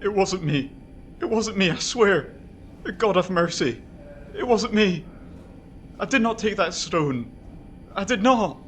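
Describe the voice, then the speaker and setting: A desperate young husband in a cell, pleading and crying out that he is innocent, as a man acts him. His voice sits high for a man, and a faint hiss runs under it. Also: lively intonation, takes it slowly, pauses often, a bit bright, heavily acted. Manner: pleading, anguished, breaking into outbursts. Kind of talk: audio drama acting. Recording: faint background noise.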